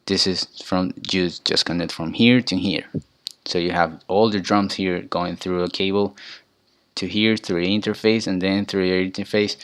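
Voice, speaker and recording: A man's voice: low-pitched, steady tone, normal speed, fairly bright tone. A man from Ecuador, giving an informal tutorial and explaining step by step, often restarting his phrases. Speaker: student presenter. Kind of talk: informal tutorial on audio mixing.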